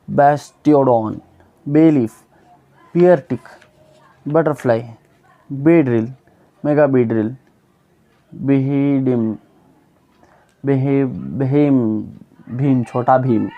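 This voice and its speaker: A young man casually reading aloud a long list of names for his viewers, sounding them out slowly and often stumbling and repeating them. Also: mid-range voice, lo-fi sound. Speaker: YouTuber reading Pokémon names.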